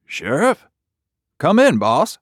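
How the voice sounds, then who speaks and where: Man as dispatcher, alarmed, raised pitch, louder. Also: wildly swooping pitch, takes it slowly, breathy edge, no echo, clean studio sound, full character voice.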